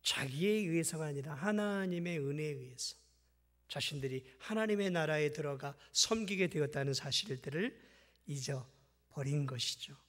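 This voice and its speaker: A man preaching to his congregation in a high, bright, ringing voice. He swings between near-whispered asides and loud, pleading climaxes. The sound carries the long reverb of a church hall. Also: expressive, normal speed. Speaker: pastor. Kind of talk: sermon.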